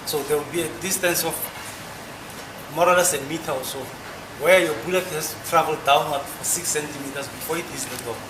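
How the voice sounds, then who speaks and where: A man testifying as an expert witness under cross examination, explaining technical points in a formal, measured way. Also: on the high side, steady tone. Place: courtroom. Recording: echoey, noisy courtroom recording.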